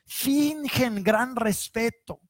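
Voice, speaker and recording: A man's voice: extremely high pitch, extremely slow, dry recording. A man preaching a sermon, reading scripture aloud and retelling it in a dramatic, vivid way.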